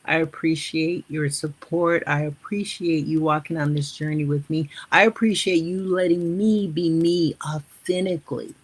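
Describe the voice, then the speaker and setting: A slightly rough, low, steady voice belongs to a woman in her fifties or beyond who hosts a live motivational stream. Addressing everyone as family, she leads repeated affirmations slowly and repetitively.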